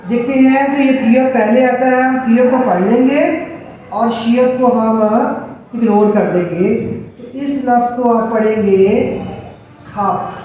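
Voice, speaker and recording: A man's voice: extremely high pitch, a little mellow, slight background noise. A man with a Pakistani Urdu accent, teaching Korean to students in a classroom lecture at the board. He explains each rule step by step and repeats it patiently. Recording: very echoey room, voice from a distance.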